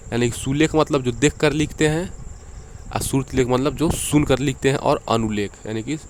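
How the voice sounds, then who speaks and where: Male tutor at mid pitch, patient exam-prep explainer who quizzes rhetorically; faint crickets behind. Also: slight background noise. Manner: explanatory, repeats key terms, asks rhetorical questions. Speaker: teacher.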